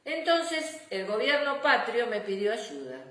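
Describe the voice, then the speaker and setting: A woman voicing a proud, affectionate old grandfather general who tells war memories in a deliberate, dramatic storybook manner. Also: on the high side, sing-song, fairly bright tone, pitched above the performer's own voice. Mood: grave, dramatic. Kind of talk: children's storybook narration. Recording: echoey room.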